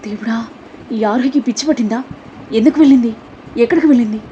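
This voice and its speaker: A woman's voice: a little high, fast talker, dark tone, dull audio, a little hiss or hum, lightly acted. A woman voicing an anxious young sister in an audio story, asking tense questions. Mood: worried.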